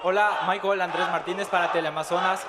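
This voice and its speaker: A man's voice: sits high, steady tone, fast. A man working as a reporter, asking a direct press conference question. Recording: loud crowd and noise in echoey hall.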